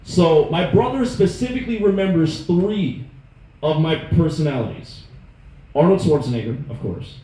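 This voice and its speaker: A man in his thirties doing stand-up, telling stories in an animated, profane, self-mocking way. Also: fairly high pitch, moderate pace. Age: 30s. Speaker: stand-up comedian. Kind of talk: stand-up storytelling. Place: comedy club stage. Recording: echoey room, faint noise.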